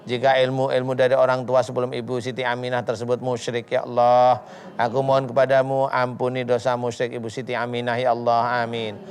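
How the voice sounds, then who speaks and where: A man who is an ustad, counseling a woman and then reciting prayers at a measured, steady pace. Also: mid-range voice.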